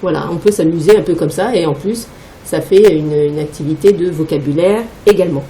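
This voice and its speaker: A patient woman teacher explains a phonics card game at an unhurried pace, breaking words into syllables. Her voice is low-pitched and mellow. The room is echoey, with a faint rumble behind her. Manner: patient, slow, spelling out syllables. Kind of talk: instructional demonstration.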